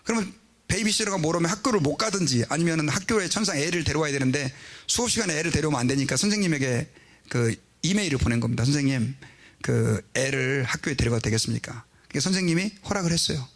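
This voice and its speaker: A man's voice: a little high, expressive, very fast, a bit bright. A male pastor preaching a sermon in a conversational way, often turning to the congregation.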